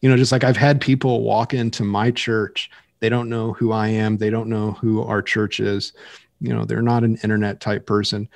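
A man, a pastor hosting a podcast, talking in a casual but emphatic, preachy way that climbs higher and louder as he gets worked up. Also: level tone, normal speed, creaky, no room sound. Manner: emphatic, preachy, rises in pitch and volume when worked up.

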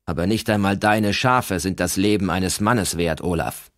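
A man reading aloud, voicing a calm, fair-minded Norse man who speaks measured. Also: low-pitched, no room sound, clean studio sound, lightly acted.

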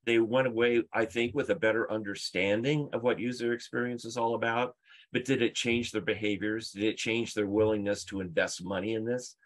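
Speaking on a video call from a book-lined room in his home, a middle-aged UX leader and conference speaker presents with emphasis, leaning on stories and rhetorical questions. His voice sits lowish and steady in tone, and he moves at a brisk clip.

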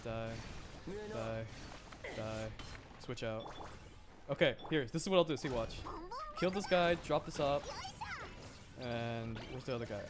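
In an unhurried way, with long pauses, a young man gives offhand live commentary while playing a video game as a streamer. His voice is medium in pitch, and he mutters quietly and exclaims when frustrated.

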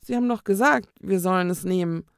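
A woman's voice: lowish voice, brisk, gravelly, smooth, no echo, studio quality. A woman voicing a young vampire girl who asks plain, matter-of-fact questions. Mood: puzzled.

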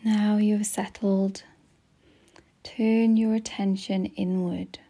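A woman leads a meditation in a soft, breathy voice that often drops close to a whisper. She speaks slowly and soothingly, leaving long pauses between phrases, and her mid-range pitch barely moves, creating an even, gentle flow.

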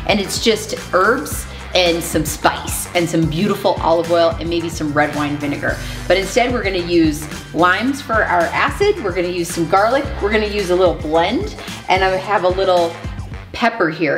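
A cheerful woman in her thirties talks through a recipe in a small RV kitchen, chatty and quick to giggle. Her voice sits mid-range, picked up from a few feet away with a roomy ring. Light music plays underneath. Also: medium pitch. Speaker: cooking vlog host. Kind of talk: casual cooking demonstration.

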